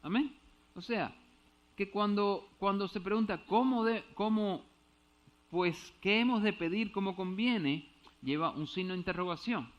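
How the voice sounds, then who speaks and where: A man's voice: sits high, moderate pace, a bit bright. Man preaching in dull lo-fi sound. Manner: explains step by step, often asks if understood; stumbles over Greek words. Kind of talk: Bible teaching sermon. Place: church.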